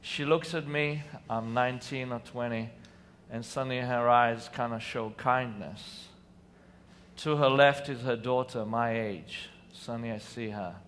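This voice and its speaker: Unhurried and medium-pitched, with a bit of brightness, an Israeli man tells his own stories earnestly on a lit stage before a conference audience in a large hall. He speaks with an Israeli accent and now and then erupts into emphatic bursts; the recording has distant reverb and faint room noise.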